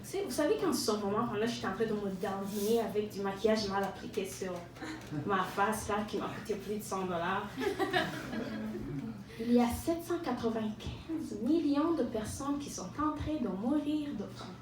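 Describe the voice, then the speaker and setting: Before a live audience, a stand-up comedian from Rwanda delivers an ironic monologue that pokes fun at herself, her medium-pitched voice frequently pausing and repeating words. It's recorded on a distant mic in an echoey room, with the crowd audible.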